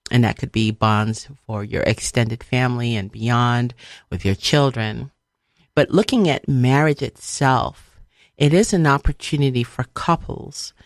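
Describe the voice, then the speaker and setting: A middle-aged Liberian woman gives a motivational radio talk as host and speaker, stressing points emphatically with repeated phrases. Her voice is very deep, and the studio-quality recording has no echo.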